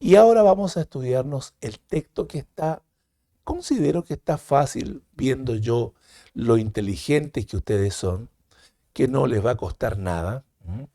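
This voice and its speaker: A man's voice: a little slow, mellow, no room sound, clean studio sound. Peruvian man leading call-and-response Sunday school. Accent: Peruvian Spanish. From Peru. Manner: leads repetition drills, jumps high on counts; addresses listeners as "hermanos".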